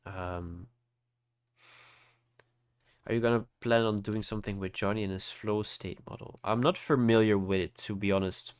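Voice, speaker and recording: On an online livestream, a trading host and teacher talks over his tutorial in a lowish, smooth voice with fairly even intonation, moderate pace and long pauses. He's congested from hay fever. His explanations are casual, and he frequently makes sure viewers are keeping up.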